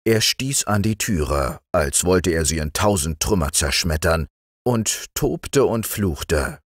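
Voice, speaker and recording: A man reading a fairy tale aloud in a calm bedtime manner, slow and expressive, into a close microphone. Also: sits low, dry recording. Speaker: audiobook reader.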